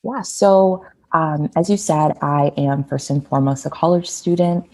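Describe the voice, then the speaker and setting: A woman's voice: sits low, steady tone, measured pace, warm tone, low-quality recording. A nineteen-year-old woman from the Washington, D.C. area answering interview questions, earnest and eager. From Washington, D.C. area, USA. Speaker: activist guest.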